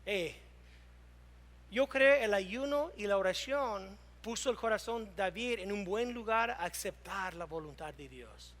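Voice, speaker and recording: A man with a very high, bright voice preaches a sermon, moving between loud emphatic lines and soft hushed asides. He slows down when he reads scripture aloud. His voice rings out in a hall with a long reverb. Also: expressive. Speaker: pastor.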